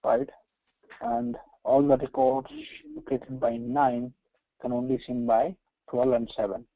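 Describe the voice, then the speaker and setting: A man with an Indian accent teaching software step by step in a halting, repetitive way, often checking with short tag questions. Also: medium pitch, animated, gravelly. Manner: halting, repetitive, frequently checking with "right" and "okay". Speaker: software trainer. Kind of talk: screen-share software tutorial, explaining step by step. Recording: roomy echo, slightly dull lo-fi sound.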